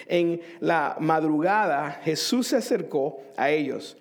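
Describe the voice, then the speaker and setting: A man's voice: on the high side, animated, slow. A middle-aged man from Cuba preaching a sermon in a conversational way, asking the congregation questions and joking with them. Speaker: pastor.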